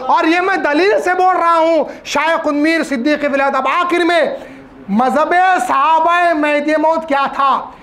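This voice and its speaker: A man delivers a religious lecture in a very high, bright, forceful voice. He hammers his points home by repeating phrases and firing off rhetorical questions. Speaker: religious speaker.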